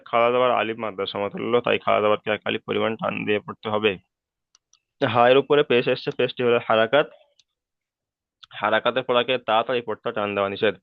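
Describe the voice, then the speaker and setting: A man teaching Quran reading over an online call, patient and repetitive, stretching out each chanted example. His voice is smooth and clear, but the sound is thin and phone-like, and the room is dry. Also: medium pitch, no room sound. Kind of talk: online Quran recitation lesson.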